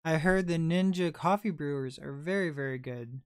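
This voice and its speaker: A man's voice: fairly high pitch, moderate pace, smooth, dry recording, clean studio sound. A man in his twenties hosting a casual livestream, chatting and answering viewer comments as they come in. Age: 20s. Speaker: livestream host and reseller.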